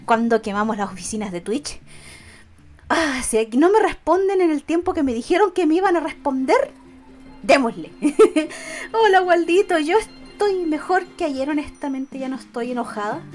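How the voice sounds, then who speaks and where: Giggly Chilean young woman streaming. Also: sits high. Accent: Chilean Spanish. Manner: giggly, greets chat by name, swears casually. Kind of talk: casual live-stream chat.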